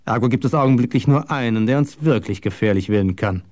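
A man's voice: quick pace, darkish tone, lightly acted. A man reading an audiobook, voicing a fervent, persuasive male conspirator who pleads with rising passion. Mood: calculating. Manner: impassioned, pleading, rising pitch.

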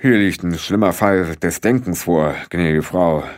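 Ein Mann spricht einen einfältigen, ernsten kleinen Krieger, bedächtig und schwerfällig. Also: male voice, low voice, a little slow, a little mellow. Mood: ponderous.

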